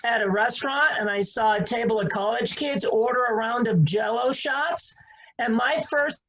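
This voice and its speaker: A man's voice: very high-pitched, normal speed, a bit bright, dull audio. A man in his fifties delivering a dry stand-up monologue. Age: 50s. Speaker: comedian.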